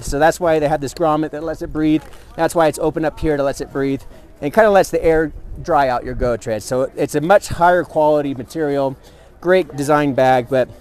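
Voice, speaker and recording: On the high side and a little mellow, this voice belongs to a product rep in his thirties running a hands-on demo at an outdoor expo booth. He's enthusiastic and explains as he goes, recorded on a camera mic a few feet away.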